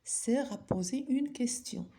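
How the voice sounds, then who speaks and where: A woman's voice: on the high side, expressive, takes it slowly, vocal fry, warm tone. A woman teaching a grammar lesson, patiently asking her pupils questions and then answering them herself. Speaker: French teacher.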